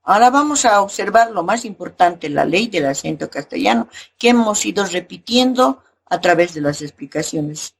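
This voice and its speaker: Husky woman teacher explaining verse. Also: medium pitch, expressive, normal speed. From Bolivia. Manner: explanatory, asks rhetorical "¿no?" often, hesitant fillers. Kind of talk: recorded class lesson.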